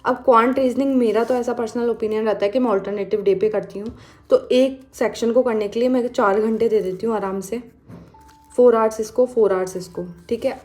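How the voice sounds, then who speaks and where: A woman's voice: fairly high pitch, a little mellow. A young woman vlogger giving casual exam study advice, chatty and mixing English phrases into her talk.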